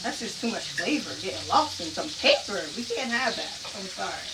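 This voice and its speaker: A woman's voice: mid-range voice, big pitch swings, fairly quick, very noisy. A woman hosting a live cooking demonstration from her kitchen, chatty and upbeat and often laughing. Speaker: cooking show host. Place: home kitchen. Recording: distant mic with loud sizzling pan.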